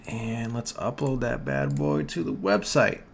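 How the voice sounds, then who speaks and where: A young New Yorker hosts a casual livestream, screen-sharing as he teaches viewers to build an online store. His medium-pitched voice has vocal fry and a measured pace, with slight background noise. He chats with viewers and corrects himself as he works.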